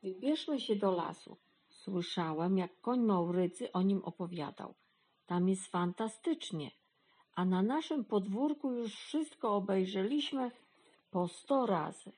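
A woman's voice: mid-range voice, expressive, unhurried, darkish tone, slightly rough. A woman voicing an eager, bold young male kitten in a storybook reading. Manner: coaxing and enthusiastic.

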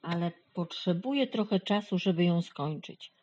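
A woman's voice: fairly low pitch, expressive, normal speed, a little mellow. A woman voicing a wise, good-natured male horse in a children's storybook. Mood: kindly.

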